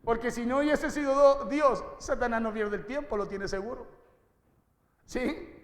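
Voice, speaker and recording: A man's voice: extremely high pitch, steady tone, unhurried. Pastor guy preaching, keeps asking the crowd questions, long echo off the hall. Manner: preaching with rhetorical questions to the congregation. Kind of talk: sermon. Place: church hall. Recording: echoey hall reverb.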